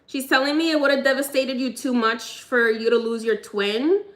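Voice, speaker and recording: A woman's voice: high-pitched, normal speed. A young woman working as a psychic medium, casually relaying messages from the dead with frequent laughter. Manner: laughing, relaying spirit messages in quoted voices. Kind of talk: live mediumship reading, casual.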